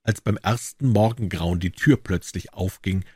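Husky-voiced male audiobook narrator. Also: sits low, mellow, no room sound, clean studio sound. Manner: measured, dramatic storytelling. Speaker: audiobook reader.

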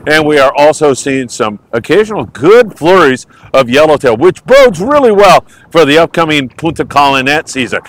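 A man's voice: on the high side, a bit bright, poor audio. An American man with an upbeat, folksy, exclamatory manner, giving a casual fishing report to camera as host from a windy beach outdoors. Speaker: host of a fishing news vlog.

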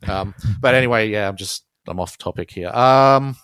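A man with a very deep voice and an Australian accent chats casually as a podcast guest. He rambles, restarts and laughs at himself. His voice is recorded close and dry with no room sound. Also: moderate pace, a bit bright, clean tone, no room sound. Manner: rambling, self-deprecating, laughs often. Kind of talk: casual interview chat.

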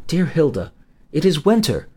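Worried parents, read by a man, soft and soothing. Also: fairly high pitch, huge pitch swings, normal speed, slightly rough, pitched above the performer's own voice, exaggerated voice. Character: gentle worried parents of a sick girl.

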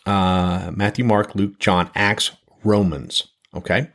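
A man with a fairly low voice teaches a Bible lesson to his listeners. His delivery is conversational and chatty, with restarts and frequent check-ins asking whether they follow. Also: flat delivery, takes it slowly, a bit bright. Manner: conversational, repeats words and checks in with "okay?".

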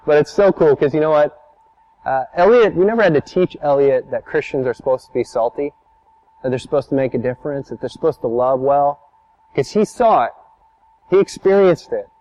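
A man's voice: on the high side, mellow, muffled recording. A man preaching a sermon as a pastor, telling stories in a conversational, emphatic way.

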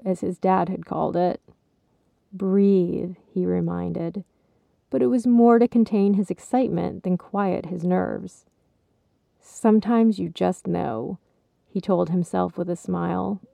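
A woman narrating her own written story in a slow, measured way. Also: fairly low pitch, gravelly, mellow, no echo. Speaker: author and storyteller. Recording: slightly dull recording.

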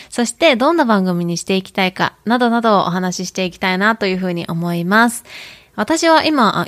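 A woman's voice: mid-range voice, dry recording. Chatty woman podcast host, dry close sound. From Japan. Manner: friendly, chatty, many fillers. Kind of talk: casual podcast monologue.

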